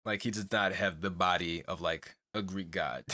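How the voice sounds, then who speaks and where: Low-sitting and sharp in tone, a young man's voice comes through a little slow as he co-hosts a podcast. The casual talk rambles, with plenty of "like," fillers, and restarts, plus regular laughter.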